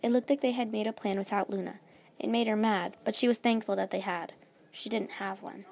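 Creaky-voiced woman reading a story. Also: medium pitch, fairly even intonation, a little fast, darkish tone. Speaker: story reader. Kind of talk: reading her own fan story aloud.

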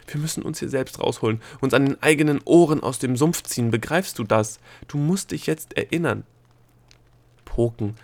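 A man voicing a frantic male gnome in an audiobook, with a croaky voice that cracks when he shouts. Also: mid-range voice, normal speed, lightly acted. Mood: pleading. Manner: panicky, insulting outbursts. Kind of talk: audiobook character voice.

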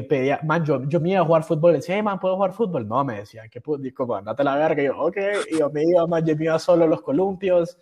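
A man's voice: fairly high pitch, a little mellow. A young man from Honduras with a Honduran accent, casually telling stories about his school years in a slangy, self-mocking way, dropping English words in. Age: young adult. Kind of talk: casual storytelling.

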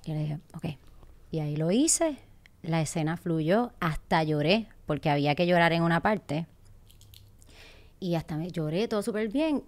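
Lively Puerto Rican woman telling a story. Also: fairly low pitch, normal speed. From Puerto Rico. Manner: animated, laughs often, acts out quotes. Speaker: guest. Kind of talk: casual storytelling chat.

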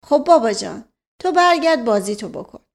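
Wry, coaxing nobleman , read by a woman, soft persuasive delivery, higher pitch. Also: animated, gravelly.

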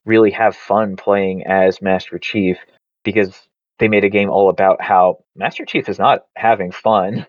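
A man's voice: deep voice, fairly even intonation, a little slow, dry recording. A man chatting casually about video games over a video call, rambling with lots of filler words. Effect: heard over a video call. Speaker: podcast co-host. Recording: dull, lo-fi call audio.

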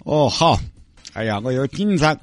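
A man's voice: mid-range voice, lively intonation, moderate pace, no room sound, faint music behind, close to an everyday voice. A man voicing a nervous middle-aged father with a Sichuan accent who overacts a hammy, wailing grief.

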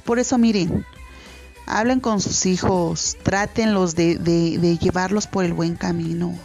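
A radio host with a Mexican accent speaks casually and earnestly to parents from the studio, rambling through advice with many fillers and restarts. Her lowish voice is steady, a little slow, and a little mellow, with soft music in the background.

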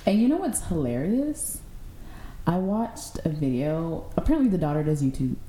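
A woman's voice: sits low, very animated, normal speed, warm tone. An American woman co-host in casual chat, reacting in blunt, slangy language with plenty of swearing. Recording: roomy echo, faint background noise.

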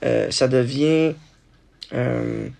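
A man hosting a solo podcast, thinking aloud in a halting way with many restarts. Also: mid-range voice, creaky, darkish tone. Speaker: podcast host.

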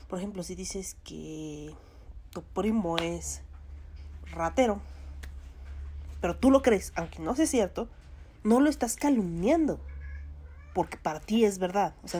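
Slow, mellow Mexican woman rambling. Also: on the low side. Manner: rambling, heavy fillers, casual swearing. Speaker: vlogger. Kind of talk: casual rambling chat.

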